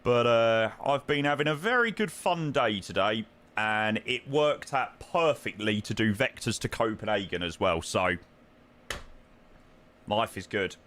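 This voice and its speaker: A man's voice: on the low side, measured pace, fairly bright tone, a little hiss or hum. A British man chatting casually on a flight simulator livestream, informal and matey in manner.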